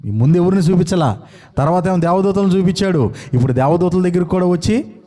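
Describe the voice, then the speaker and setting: Guy preaching, kinda high voice, acts stuff out, keeps asking the crowd questions. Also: animated, fast talker, mellow. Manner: dramatic, acts out quotes and fires questions at the congregation. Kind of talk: sermon.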